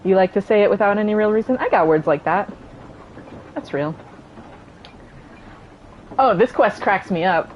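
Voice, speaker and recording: A woman's voice: medium pitch, moderate pace, long pauses, muffled recording. A chatty woman streamer rambling and thinking aloud as she plays, speaking into a desk microphone at home. A faint noise sits behind her voice. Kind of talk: casual chat while gaming.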